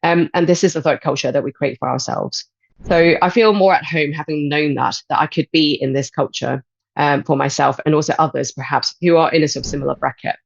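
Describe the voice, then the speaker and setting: A woman's voice: low-pitched, creaky, dry recording. Thoughtful woman guest, dull dry sound. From Hong Kong. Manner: thoughtful, measured, frequent "um". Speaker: guest, life and transition coach. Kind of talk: podcast interview.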